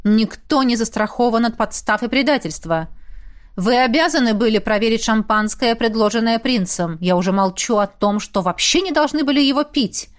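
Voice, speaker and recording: A woman's voice: on the high side, moderate pace, close to an everyday voice. A woman voicing a stern lecturing rector. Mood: reproachful. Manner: cutting, lecturing. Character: stern female academy rector, reproachful mentor.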